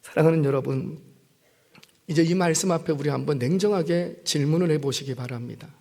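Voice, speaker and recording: Middle-aged pastor, male, gravelly and a bit high, acts out story voices mid-sermon. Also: a little fast, dark tone. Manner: acts out story characters with shifting voice and volume. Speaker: senior pastor.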